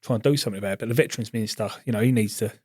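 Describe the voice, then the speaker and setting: A man's voice: on the low side, rapid-fire, mellow, breathy edge, no echo, clean studio sound. A British Army veteran man co-hosting a podcast, telling blunt army stories in casual chat. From Britain. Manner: blunt storytelling army banter. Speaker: podcast co-host.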